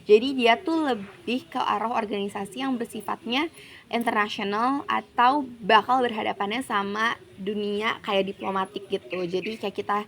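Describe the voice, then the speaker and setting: A woman's voice: a little high, fairly even intonation, normal speed, fairly bright tone. A young woman from Jakarta, a university student, chatting casually as an interview guest and dropping English phrases into her speech. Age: young adult.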